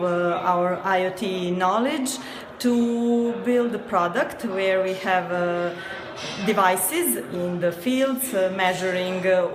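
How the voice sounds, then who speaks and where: A woman from Serbia with a Serbian accent, answering interview questions hesitantly with many fillers and small laughs. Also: mid-range voice. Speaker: guest, company co-founder. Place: noisy event venue. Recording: echoey busy venue with crowd.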